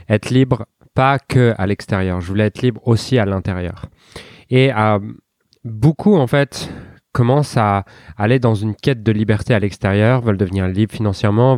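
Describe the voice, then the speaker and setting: Young male podcast host from France, speaks low and loose, with frequent restarts, dry close mic. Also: darkish tone, dry recording. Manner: informal, loose, with many restarts and fillers, addressing the listener as tu. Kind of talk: casual spoken podcast monologue.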